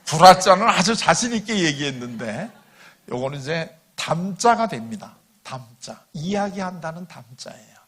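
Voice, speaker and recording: An older man gives a relaxed, chatty talk at a church gathering, stopping now and then to quiz the listeners. His voice sits somewhat high for a man and has a slightly husky edge. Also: normal speed. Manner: questions the audience and chuckles along. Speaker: guest lecturer at a church meeting. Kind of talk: conversational church lecture.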